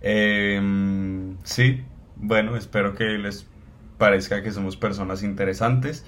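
A man's voice: fairly low pitch, fairly even intonation, slow pace, fairly bright tone. An eighteen-year-old man from Cali with a Colombian accent, co-hosting a casual podcast intro with many fillers and restarts. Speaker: podcast co-host.

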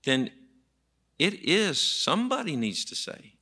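Emphatic pastor with a bright voice. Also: male voice, a little high, big pitch swings, unhurried. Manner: folksy, emphatic preaching with repeated words and rising emphasis. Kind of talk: sermon.

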